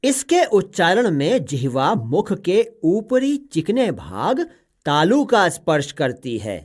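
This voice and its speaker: A woman voicing a patient old male parrot who teaches pronunciation slowly and carefully in a cartoon story. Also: lowish voice, very animated, darkish tone, full character voice. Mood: instructive. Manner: slow, careful, spelling out each sound.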